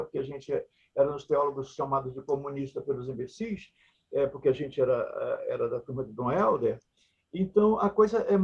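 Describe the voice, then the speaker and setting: A man's voice: a little high, vocal fry, breathy edge. An older man from Brazil with a Maranhão accent, telling his life story in an interview in a blunt, joking, earthy way. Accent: Maranhão Brazilian Portuguese. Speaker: puppeteer and researcher, guest. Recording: dull lo-fi sound.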